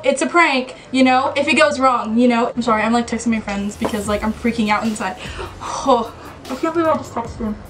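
A woman's voice: a little high, a bit bright, poor audio. A woman vlogging to camera in a nervous, rambling way. She talks to herself and repeats her words. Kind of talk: casual vlog to camera.

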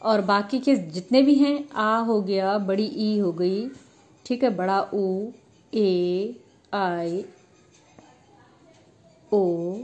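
A woman's voice: mid-range voice, extremely slow, long pauses, a little mellow. A woman teacher giving a grammar lesson, patiently asking questions and answering them herself. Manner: addresses students as children.

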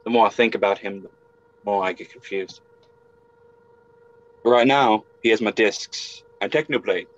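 A young man playing a brash, evasive, confused exile caught stealing, halting and excitable, in an amateur video game role-play drama. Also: lowish voice, lightly acted. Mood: rueful, determined. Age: young adult. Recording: muffled lo-fi home webcam audio.

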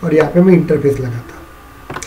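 Man, high voice, mellow tone, classroom programming lecture, keeps asking if it is clear, faint background noise. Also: normal speed, poor audio. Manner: repeats questions to check understanding. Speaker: programming teacher. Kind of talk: classroom lecture mixing Hindi and English. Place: classroom with students.

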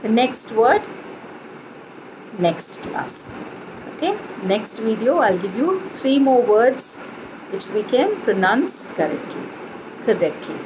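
A woman with an Indian English accent teaching a spoken English lesson, drilling the pronunciation of simple words slowly and deliberately. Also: on the high side, very animated, background noise.

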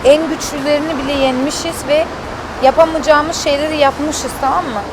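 A woman's voice: high-pitched, steady tone, fairly quick, noisy background. A woman who is not a native Turkish speaker, a reality show contestant arguing defensively and repeating herself. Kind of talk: heated argument.

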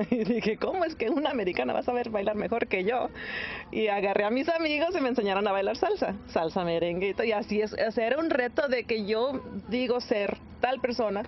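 A woman's voice: a little high, lively intonation, brisk, lo-fi sound. A Mexican-born woman in her thirties, interviewed outdoors and speaking candidly and reflectively. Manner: candid, reflective, laughs easily. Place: outdoors by trees and a beach.

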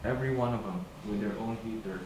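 Polite young Filipino agent, echoey house. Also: male voice, fairly low pitch, quick pace, a little mellow, a little hiss or hum. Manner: polite, says sir. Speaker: property agent. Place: inside an empty house.

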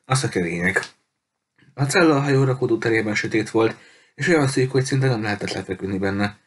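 A man reading a novel chapter aloud in steady, measured narration, with the odd small stumble. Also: on the low side, husky. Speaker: audiobook reader. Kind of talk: scripted narration.

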